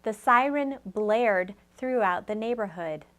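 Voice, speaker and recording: A woman reads short example sentences for a pronunciation lesson. Her delivery is plain and clear, at a middle pitch. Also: lively intonation, takes it slowly, a bit bright. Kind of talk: scripted lesson reading.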